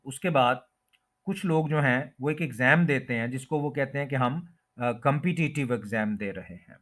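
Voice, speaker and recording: A man teaching English word pronunciation, who repeats each word slowly and draws out the stressed syllable. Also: mid-range voice, a bit bright. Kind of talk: pronunciation lesson explained in Hindi-Urdu.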